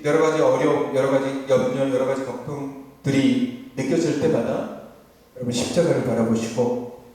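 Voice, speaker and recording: A man's voice: mid-range voice, a little mellow. A man preaching a Sunday sermon as pastor, asking the congregation rhetorical questions. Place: church sanctuary. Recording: echoey church hall from far off.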